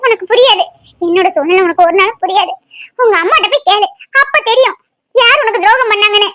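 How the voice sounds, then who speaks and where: A woman doing a shrill pleading ex-lover. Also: quick pace, a bit bright, a little hiss or hum. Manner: pleading, exasperated. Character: young woman, defensive ex-lover, tearful and pleading.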